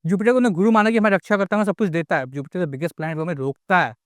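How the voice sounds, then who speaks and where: A man's voice: high-pitched, racing, no room sound. A young Indian man giving a casual astrology lecture, mixing English into his speech and asking rhetorical questions. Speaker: astrology teacher.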